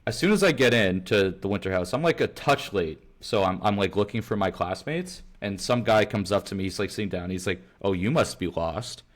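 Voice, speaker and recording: Young guy rambling thru a story, lots of likes and ums, kinda low voice. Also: a little fast, few pauses, a little hiss or hum. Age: young adult. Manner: rambling, heavy on filler words and self-corrections. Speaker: podcast co-host. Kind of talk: casual storytelling chat.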